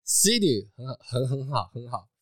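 A man, hosting a podcast and telling a story in a casual, animated chat, laughing often. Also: medium pitch, moderate pace, dry recording, clean studio sound. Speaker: podcast host.

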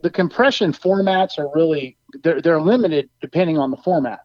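A man with a slightly high voice comes through a compressed cell phone connection that keeps cutting out. The call sounds dull and lo-fi, yet close and dry. He explains technical details eagerly and leans on everyday comparisons. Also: animated, normal speed, no echo. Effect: compressed cell phone line cutting out. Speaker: guest product expert.

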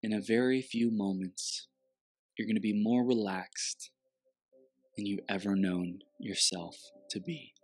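A man leading a guided meditation with a soothing delivery and long pauses, speaking softly as if right in your ear. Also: fairly low pitch, fairly even intonation, slightly rough, no room sound.

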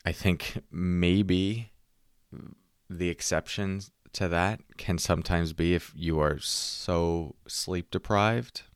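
A man with an exceptionally deep voice, recorded dry with little room sound. He talks like a relaxation coach, calm and conversational. His manner is reflective and gently inviting, guiding the listener through self-inquiry. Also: slow, smooth, no room sound. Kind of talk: calm, conversational guided self-help talk.

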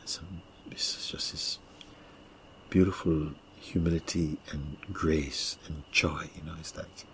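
A man speaking as a spiritual guide in an airy, breathy, hushed mystical healer manner, slowly and meditatively. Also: extremely low pitch, fairly even intonation, a little hiss or hum. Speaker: spiritual teacher. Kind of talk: intimate spiritual guidance.

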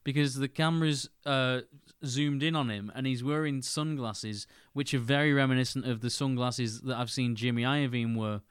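Smooth-voiced man, hesitant podcast host. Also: medium pitch, fairly even intonation, moderate pace, hardly any pauses, dry recording, clean studio sound. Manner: hesitant, many fillers and restarts, laughs easily. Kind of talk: casual chat.

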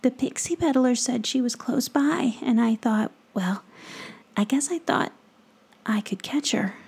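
Timid little gnome boy, polite and hesitant, husky hush, as a woman reads him. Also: a little high, animated, measured pace, voice pushed up, heavily acted. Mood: shy. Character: shy young boy gnome.

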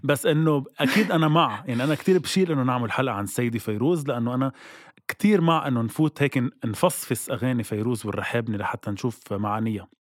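A man's voice: medium pitch, rapid-fire, no room sound, studio quality. A man with a Lebanese accent co-hosting a podcast in casual chat, teasing and mock-indignant, often cutting in. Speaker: podcast co-host.

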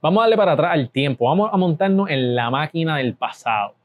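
A man's voice: a little high, animated, fast talker, phone-quality sound. A man hosting a casual interview, asking questions and giving brief prompts with playful lead-ins.

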